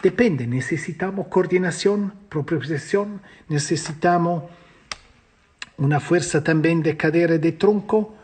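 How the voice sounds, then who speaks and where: Husky and darkish, this man's voice sits on the high side at a measured pace. He explains slides while teaching physiotherapy in Spanish, a second language for him, and keeps posing questions he then answers himself.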